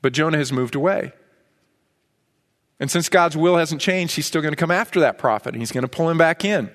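Guy preaching a sermon, kinda high voice, hammers the same lines over and over, long echo in the church. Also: a little fast. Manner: emphatic, repeating key phrases for stress. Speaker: pastor. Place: church sanctuary.

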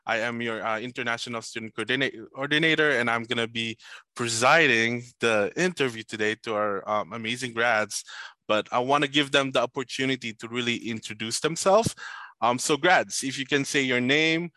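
A man's voice: medium pitch, moderate pace, sharp tone, no room sound. A man coordinating international students, hosting an online panel over a video call, with many fillers and playful asides. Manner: filler-heavy, loose delivery with playful asides.

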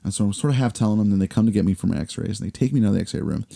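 A man in his forties, a podcast co-host, telling a long story in casual chat with lots of fillers, acting out the people he quotes in higher voices. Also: racing, creaky, warm tone. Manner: rambling, filler-heavy storytelling.

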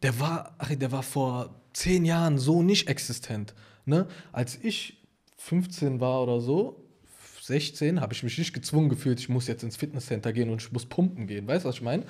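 A man in his twenties chatting casually, pausing to search for words and checking in with question tags. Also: mid-range voice, a little mellow, slightly rough. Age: 20s. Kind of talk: casual chat.

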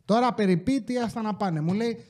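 A young man hosting a podcast, telling workplace stories in animated, rapid bursts, mimicking customers and cursing in exasperation. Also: high voice. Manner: exasperated, swears. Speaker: podcast host. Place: indoor podcast set.

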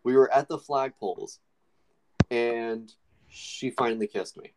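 Young man, casual podcast storyteller, rambling, animated, filler-heavy, mid pitch. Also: measured pace, noisy background. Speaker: podcast co-host.

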